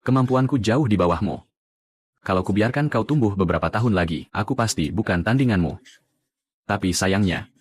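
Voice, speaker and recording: A man dubbing a cold arrogant young martial artist. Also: low voice. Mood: taunting. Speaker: voice actor dubbing a martial arts drama. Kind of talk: Indonesian dub of a Chinese drama.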